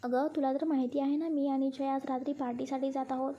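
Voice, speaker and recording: A lively young woman in a romance storybook, hurried and a little bashful, as a woman reads her. She pleads and pushes in a high, mellow voice over a faint hiss. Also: muffled recording, close to an everyday voice. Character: young woman, bubbly friend, shy about romance.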